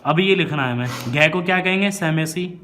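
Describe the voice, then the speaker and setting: A man's voice: on the high side, brisk, pushed and bright. A man teaching a spelling lesson who keeps quizzing his student, repeating each answer and checking "right?". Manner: adds frequent "right?" check-ins.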